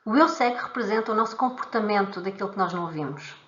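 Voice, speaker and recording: A woman's voice: mid-range voice, animated, fast talker, fairly bright tone. A woman with a European Portuguese accent teaches a weekly live stream on emotions. She explains step by step, restarting words and acting out short dialogues. Her voice sounds a bit muffled in a roomy, echoing space. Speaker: emotional freedom technique teacher.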